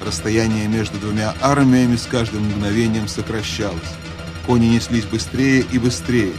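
A man reading a children's fantasy audiobook aloud in a measured storytelling voice that drops low and hushed in tense moments. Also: steady tone, music in the background. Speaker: audiobook narrator. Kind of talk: scripted storybook narration.

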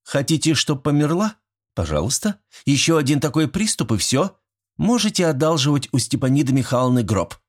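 A man's voice: on the high side, very animated, fairly quick, voice pushed up. Man doing a stern scolding village medic woman. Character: strict brisk young village medic woman.

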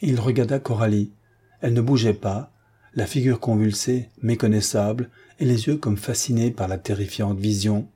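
Male audiobook narrator, measured dramatic read, mellow low voice. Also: steady tone, husky. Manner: measured, dramatic literary reading. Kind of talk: scripted narration.

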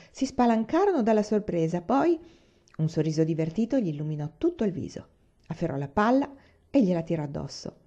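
A woman reading a children's novel aloud in a calm, measured storytelling manner, lifting her voice higher for the characters' lines. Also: lo-fi sound. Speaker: reader.

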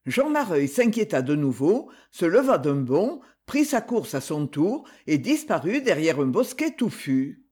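A reader narrating a classic French novel in an expressive literary manner. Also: medium pitch, unhurried, few pauses, husky. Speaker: audiobook reader.

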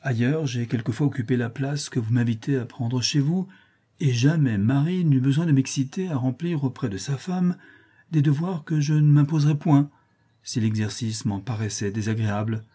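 A man's voice: medium pitch, mellow, husky, lightly acted. A man voicing a witty young man disguised as a noble young lady, speaking with cool irony. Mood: ironic. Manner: cool, ironic, measured.

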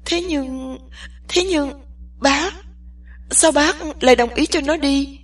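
A woman's voice: sits high, slow, distant mic, pitched above the performer's own voice. A woman voicing an anxious young woman who pleads urgently with her best friend in an audiobook. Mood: pleading.

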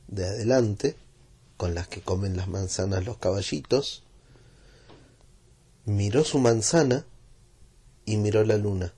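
A man with a Rioplatense Spanish accent reading a children's story aloud in a gentle, unhurried way. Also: on the low side, breathy edge.

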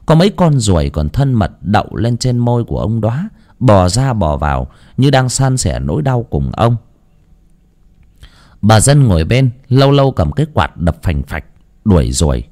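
A man's voice: lowish voice, very animated, moderate pace, mellow. A man narrating a horror story dramatically, shifting his pace for effect.

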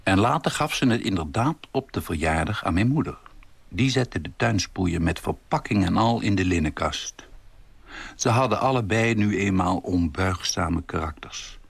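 A middle-aged man reads a literary story aloud in a dry, understated tone. His voice is husky and fairly low, and it sounds close and dry, with no room around it. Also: no room sound. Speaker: author reading his column.

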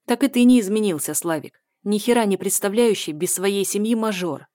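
A woman reader voicing a hot-tempered young man who speaks gruffly and gives orders. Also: mid-range voice, fairly quick, dark tone, no room sound, studio quality, lightly acted. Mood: menacing. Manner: gruff, commanding. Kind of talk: audiobook character voice.

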